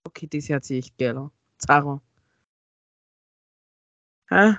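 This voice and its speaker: A woman's voice: sits low, takes it slowly, fairly bright tone, no echo. A woman co-hosting a podcast in casual chat, giggly and teasing with flirty jokes. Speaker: podcast co-host.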